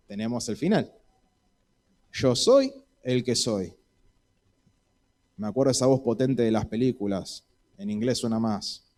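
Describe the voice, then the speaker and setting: A man's voice: a little high, darkish tone. A man with an Argentine Spanish accent preaching a sermon in a church, acting out Bible dialogue in voices.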